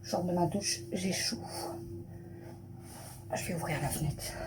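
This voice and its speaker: A woman's voice: on the low side, unhurried, heavy background noise. A woman in her thirties, a family vlogger chatting casually to camera at home, rambling with lots of fillers. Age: 30s. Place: at home, just out of the shower.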